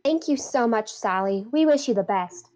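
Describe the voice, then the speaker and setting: A woman's voice: fairly high pitch, lively intonation, moderate pace, a little mellow, close to an everyday voice. A woman playing a gracious, polite 1940s wartime radio hostess doing scripted interviews, with slightly dull sound.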